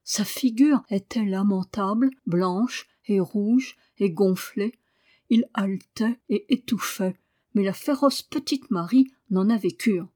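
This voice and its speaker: A woman reading a novel aloud as audiobook narration, measured and expressive. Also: mid-range voice. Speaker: audiobook reader. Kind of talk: scripted narration.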